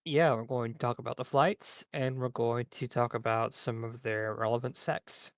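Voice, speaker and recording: Podcast co-host, rambling and deadpan, mid-pitched, dry close-miked sound. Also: no room sound. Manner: rambling, quick deadpan asides. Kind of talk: casual chat.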